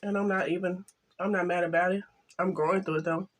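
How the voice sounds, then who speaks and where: An older woman chatting casually to camera while eating, halting and soft-spoken, with some stutters. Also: fairly low pitch, steady tone, a little hiss or hum. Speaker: mukbang vlogger.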